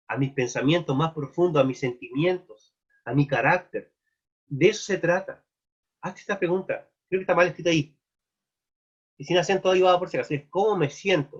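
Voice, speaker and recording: Earnest Chilean preacher, husky voice. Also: male voice, a little high. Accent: Chilean Spanish. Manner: earnest, asks many searching questions. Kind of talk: sermon. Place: live virtual church meeting. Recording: dull lo-fi online meeting audio.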